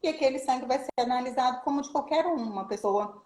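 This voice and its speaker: A woman's voice: high voice, fast. A woman from Rio de Janeiro with a Brazilian accent, a human rights official chatting casually as a guest and vividly acting out stories. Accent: Brazilian Portuguese, Rio de Janeiro. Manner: animated storyteller, acts out quoted voices. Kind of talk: casual chat, storytelling. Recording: roomy echo.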